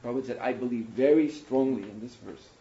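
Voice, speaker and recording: A man giving a sermon to an audience, telling stories in an animated way, now and then laughing. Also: mid-range voice, quick pace, slight background noise. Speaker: monk lecturer. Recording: dull roomy lecture recording.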